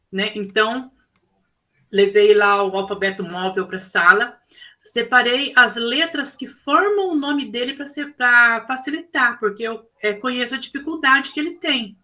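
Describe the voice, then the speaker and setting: Woman, Brazilian Portuguese accent, teacher giving a class presentation, bright clear tone, explanatory. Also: fairly high pitch, a little slow, rough recording. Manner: explanatory, many fillers like "né".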